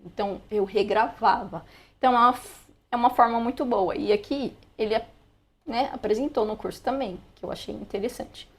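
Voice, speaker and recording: A woman's voice: on the high side, a little fast. A young woman with a Brazilian Portuguese accent, chatting casually as she walks through a screen-recorded lesson with frequent asides. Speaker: language learner sharing study tips.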